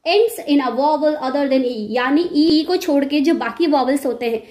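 High-voiced woman teaching grammar, echoey room. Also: unhurried, darkish tone. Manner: explains step by step, asks and answers her own questions. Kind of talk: recorded lecture.

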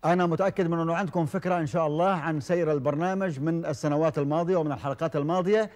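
A man hosting a televised quiz show, formal and measured, with frequent hesitation fillers. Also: on the high side, steady tone, a little mellow, slight background noise. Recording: old television broadcast recording.

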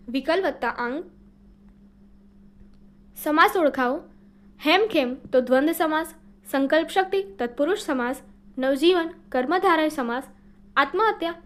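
In a high voice, a woman steadily reads and explains workbook answers for teaching, sometimes correcting herself after a slip.

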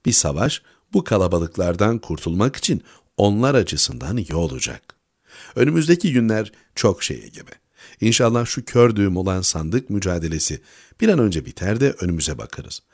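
A man reading a newspaper opinion column aloud in a measured way, letting each sentence drop low at the end. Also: sing-song, darkish tone, husky.

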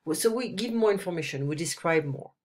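Brisk, with lively intonation, a deep-voiced French tutor teaches a one-on-one screencast lesson despite a cold and stuffy nose. Recorded over the screen via computer mic, she switches between French and English, explaining patiently with frequent "ok?"

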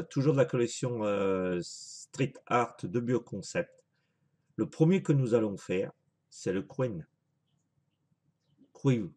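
Husky, chatty French-speaking man reviewing vape liquids. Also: fairly low pitch, a little mellow. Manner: chatty, apologetic, thinks aloud with many fillers. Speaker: vaping vlogger. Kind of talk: casual product review.

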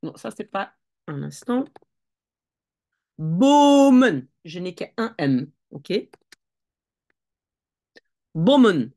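A woman's voice: on the low side, expressive, measured pace, vocal fry, a little mellow. A woman teaching Dutch spelling rules, explaining step by step and often correcting herself as she thinks aloud. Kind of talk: casual explanatory lesson.

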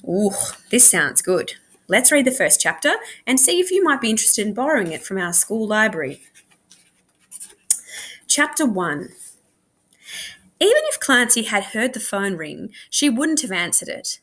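Like a school librarian sharing a book, a woman reads a story aloud with lively, swooping intonation, acting out the dialogue with animated expression. Her voice is fairly high, her pace moderate, and she leaves long pauses.

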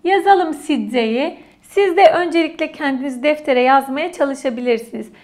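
A woman's voice: sits high, moderate pace, a little mellow. A woman teaching an alphabet lesson to children, patiently repeating each letter and word aloud for the class to copy. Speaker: language teacher.

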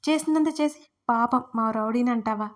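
A woman's voice: a little high, moderate pace, lightly acted. A woman narrator voicing her heroine's inner voice, a young woman who mocks and scolds her in asides. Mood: mocking.

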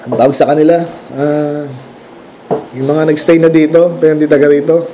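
A man's voice: on the high side, flat delivery, moderate pace, highs cut off, slight background noise. A man preaching a sermon in a church, conversational, asking the congregation questions and laughing at his own stories. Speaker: pastor.

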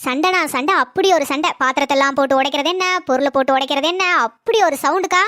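Speaking fast in a high-pitched, fairly bright voice, a woman takes the role of a nosy neighbor in a cartoon, eagerly spreading street gossip with a Kanyakumari Tamil accent. The sound is clean studio quality with no echo. She delivers breathless, eager storytelling gossip as cartoon comedy dialogue.

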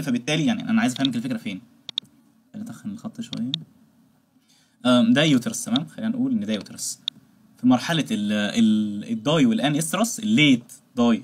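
A man with an Egyptian Arabic accent giving a rapid exam-prep lecture, mixing in English terms and often checking if listeners follow. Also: medium pitch, a little hiss or hum. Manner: rapid, explaining with many check-ins and asides. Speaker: veterinary lecturer.

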